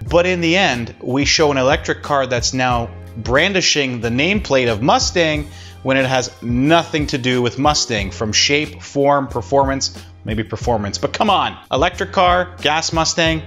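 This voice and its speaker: A man's voice: medium pitch, a bit bright. Sarcastic man riffing on car ads. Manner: sarcastic, wisecracking. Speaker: car commentary vlogger. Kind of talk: casual commentary.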